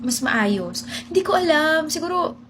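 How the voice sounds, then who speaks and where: High-voiced Filipino woman, teasing. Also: big pitch swings, a little slow, background noise. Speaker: skit actress. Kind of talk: casual comedic skit dialogue.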